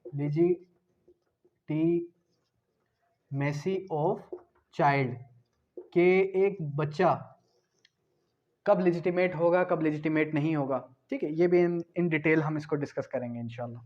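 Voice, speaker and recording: A slow-speaking man with a slightly high voice and frequent pauses explains the law in a Pakistani accent. He teaches didactically, posing questions and answering them himself while switching between Urdu and English terms, on dull lo-fi lecture audio.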